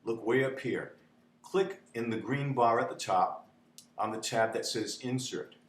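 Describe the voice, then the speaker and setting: A man's voice: mid-range voice, a little slow. A man teaching a spreadsheet tutorial in a chatty, repetitive way, often asking "okay?". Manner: chatty, repeats "okay?", dramatizes panic. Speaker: instructor. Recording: echoey room with faint hum.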